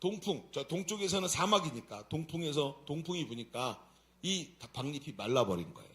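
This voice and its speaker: A man pastor preaching a sermon at a Friday prayer meeting in a church, telling the story in a colloquial, animated way. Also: a little high, fairly quick. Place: church sanctuary.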